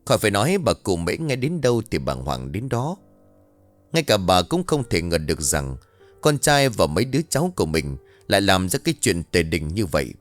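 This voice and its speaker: A man telling a ghost story, his delivery lively and full of pitch swings. The sound is dry and close, with soft music underneath. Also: normal speed, dry recording. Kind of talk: scripted ghost story narration.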